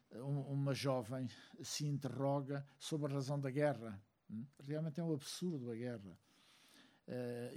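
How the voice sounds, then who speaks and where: A man from Angola speaks to a seated audience in a measured, reflective way, pausing often to find his words. His voice is mellow and dark, and his pitch sits in an ordinary middle range. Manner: reflective, measured, many hesitations. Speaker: speaker at a book launch.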